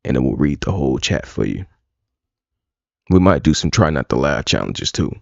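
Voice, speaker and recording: A man's voice: extremely low pitch, lively intonation, moderate pace, gravelly, dry recording. A man streaming live, talking casually, rambling and bluntly profane. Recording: dull lo-fi dry sound.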